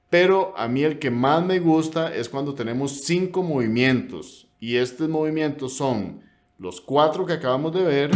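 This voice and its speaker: A man gives a classical guitar lesson, patiently explaining and counting beats aloud as he demonstrates. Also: a little high. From Costa Rica. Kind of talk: instructional lesson. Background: classical guitar strumming.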